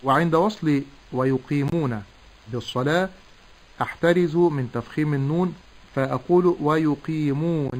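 Guy teaching tajweed, breaks words into syllables, slow careful demos. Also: fairly high pitch, poor audio. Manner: slow, deliberate syllable-by-syllable demonstration. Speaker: Quran recitation teacher. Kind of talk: tajweed lesson.

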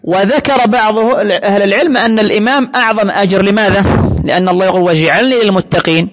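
A man's voice: high-pitched, fast talker, background noise. A man giving a religious lesson in an explanatory, teacherly way, often quoting scripture. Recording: long hall reverb.

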